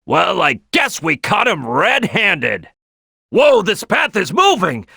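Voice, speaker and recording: A brash crocodile detective from a cartoonish video game. The voice is high for a male and swings wildly up and down. It is bossy, cocky and streetwise, with a forceful bark. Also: huge pitch swings, slow, vocal fry, slightly rough, no echo, studio quality, full character voice. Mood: watchful, bossy. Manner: boisterous, cocky, streetwise, barking. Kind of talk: animated video game character acting.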